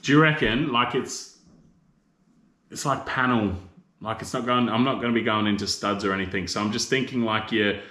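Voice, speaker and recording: Hosting a casual live chat, an Australian man in his thirties rambles and teases his viewers with "mate" and "bro." He speaks on the low side at a moderate pace with a sharp tone, and the room gives a noticeable echo.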